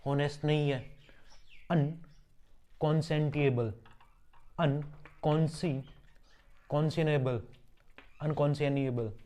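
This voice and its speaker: Male vocabulary teacher for exam prep, slightly higher voice with a mellow tone, spells words out and explains roots. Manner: repeats words and asks himself rhetorical questions.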